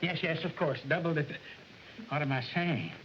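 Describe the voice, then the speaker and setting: An actor playing a flustered middle-aged record company boss who blusters and then fawns, in 1940s film style. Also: male voice, on the high side, normal speed, close to an everyday voice. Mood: fawning. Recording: dull old film soundtrack with faint hiss.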